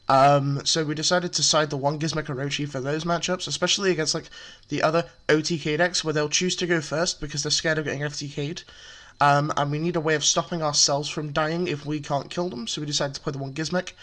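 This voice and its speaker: A man's voice: a little high, a bit bright. A man casually walking through a card game deck, chatty and full of fillers, explaining step by step. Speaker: deck profile presenter.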